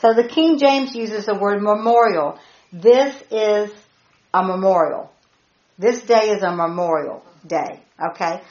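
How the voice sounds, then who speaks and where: A middle-aged woman teaching a Bible study to a small group, stressing key words by repeating them slowly and emphatically. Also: mid-range voice, a little mellow. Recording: roomy, dull lo-fi recording.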